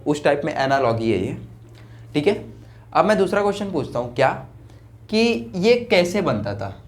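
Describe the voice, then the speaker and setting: A young man teaching a physics lecture for exam prep, often repeating key words back as questions and mixing English terms into Hindi. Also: medium pitch. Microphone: own mic, checked during lecture.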